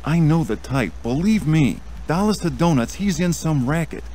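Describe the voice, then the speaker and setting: A man voicing a brash, chummy middle-aged American buyer and card sharp in a video game, with slangy salesman patter. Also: on the high side, lively intonation, moderate pace, lightly acted. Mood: chummy, pushy. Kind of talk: video game character acting. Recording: background noise and ambience.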